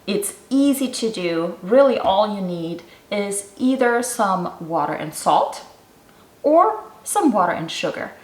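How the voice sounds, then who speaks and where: A woman's voice: on the low side, echoey room, poor audio. A middle-aged woman from Germany hosting a cooking channel, explaining a recipe step by step in a casual, chatty way. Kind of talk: casual how-to vlog narration.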